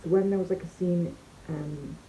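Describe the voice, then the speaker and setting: Low-voiced woman vlogging about theatre. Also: steady tone, moderate pace, dark tone, rough recording. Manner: chatty and enthusiastic, many fillers and restarts. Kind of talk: casual vlog chat to camera.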